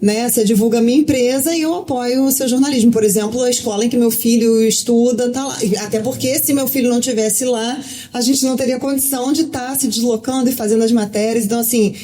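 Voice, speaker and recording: Woman w rio talking a lot in an interview, warm mellow voice, tons of fillers. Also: on the high side, steady tone, fast, few pauses. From Rio de Janeiro, Brazil. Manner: talkative, lots of fillers and restarts. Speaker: guest, journalist. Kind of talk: casual interview chat.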